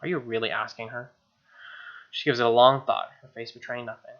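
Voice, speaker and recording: With a bright, mid-range voice, a snarky gaming host reads a visual novel aloud, adding casual commentary and profane asides at a steady tone and slightly fast pace. His dull, lo-fi mic records over game music with guitar.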